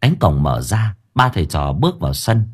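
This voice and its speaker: A man narrating a comic story in a lively, playful storytelling manner. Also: low voice, normal speed, slightly rough. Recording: faint background music.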